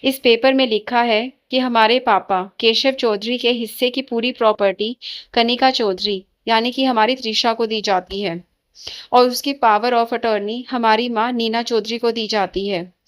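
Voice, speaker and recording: A woman's voice: on the high side, fairly even intonation, measured pace, natural voice. A woman reading the lines of a proud, defiant young woman in a storybook tale, firm and taunting.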